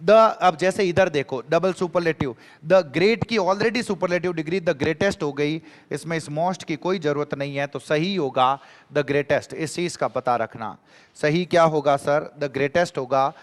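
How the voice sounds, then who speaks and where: A man teaches an exam-prep grammar lesson, his voice sitting a little high. He talks in an animated way, repeating key phrases and quizzing his students. The sound carries a long reverb, as if in a hall. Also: unhurried.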